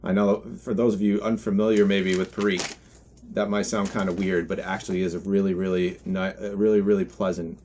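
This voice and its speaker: A man giving an unscripted product review in a halting, reflective way, often correcting himself as he goes. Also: sits low, little pitch movement, a little mellow, slight background noise. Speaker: pipe tobacco reviewer.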